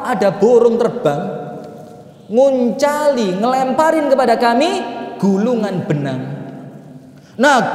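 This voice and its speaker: Man, Javanese accent, sermon, high pitch, long hall reverb, playful storyteller. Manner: lively storytelling with sound effects and questions to the audience. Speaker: preacher. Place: mosque. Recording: echoey mosque hall.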